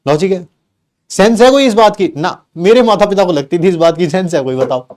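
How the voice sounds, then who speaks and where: Animated high-voiced Indian teacher telling stories. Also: male voice, brisk. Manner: animated, mixes English phrases, acts out family members' lines. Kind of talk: storytelling to students in class.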